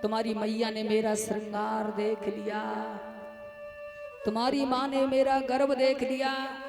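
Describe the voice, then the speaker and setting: A man's voice: very high voice, completely flat delivery, a little slow, over loud music. A man voicing a frightened pregnant young woman. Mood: pleading. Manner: tearful, pleading.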